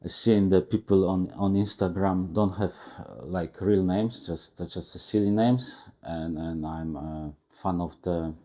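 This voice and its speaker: A man in his forties from Poland with a Polish accent, speaking halting non-native English as a guest in a casual interview. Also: sits low, mellow. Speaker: guest tattoo artist. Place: tattoo shop.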